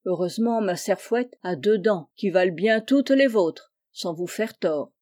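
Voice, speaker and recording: A woman voicing a polite, noble young peasant hero who speaks in a measured, slightly lofty way. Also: mid-range voice, lively intonation, warm tone, close to an everyday voice. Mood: stern.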